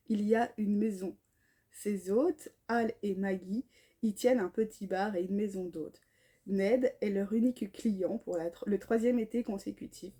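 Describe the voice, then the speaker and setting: A woman's voice: mid-range voice, dark tone, breathy edge. A woman chatting casually about books, reading blurbs aloud and tripping over names. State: tired. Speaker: book vlogger. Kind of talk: casual chat.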